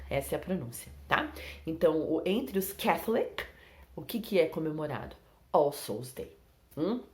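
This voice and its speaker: A young Brazilian woman teaching English in a casual online lesson, chatting and checking in with her students as she goes. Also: sits low. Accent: Brazilian Portuguese. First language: Portuguese. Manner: chatty, switching between Portuguese and English, checking in with "né?" and "yeah?".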